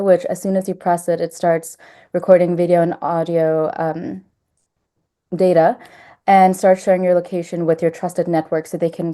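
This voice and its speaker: A woman who grew up in Denmark, giving a webinar presentation over a video call in a steady, explanatory way. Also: lowish voice. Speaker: startup marketing director presenting.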